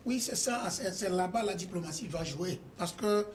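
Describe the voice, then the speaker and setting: A man's voice: high voice, normal speed, a little hiss or hum. A man speaking as a guest on a TV panel, hesitating and searching for words. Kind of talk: TV panel discussion.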